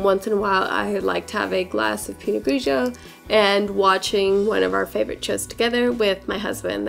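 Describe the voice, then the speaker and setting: Fielding questions, this woman, a hairdresser and beauty vlogger, speaks at a medium pitch with a creaky quality and a loose, chatty style full of "like" and "literally." She was born in Portugal but grew up in California from around age four.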